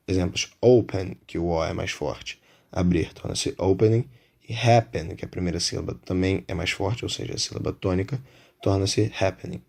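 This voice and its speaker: A man with a Brazilian Portuguese accent gives an explanatory lesson in a lowish, steady voice. He talks in a measured way and slows down to spell out each example. The tone stays that of a patient teacher walking through rules. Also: vocal fry. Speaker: English teacher.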